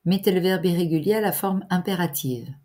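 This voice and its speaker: A woman teaching grammar in a clear, deliberate lesson voice, pausing for exercises. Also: lowish voice, mellow. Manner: deliberate, articulated teacher's delivery with pauses for exercises. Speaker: French teacher.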